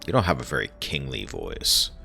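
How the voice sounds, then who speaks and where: A man's voice: a bass voice, sing-song, moderate pace, gravelly, sharp tone, faint music behind. A man hosting a let's play, commenting offhandedly and reading game text aloud. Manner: offhand, conversational.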